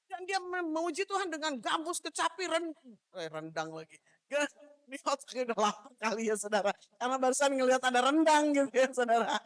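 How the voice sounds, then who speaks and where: A woman pastor from Manado giving a loud, animated sermon, joking with the congregation and moving about as she preaches. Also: sits high, a little fast. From Manado, Indonesia. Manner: jokes with the congregation. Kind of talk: lively sermon.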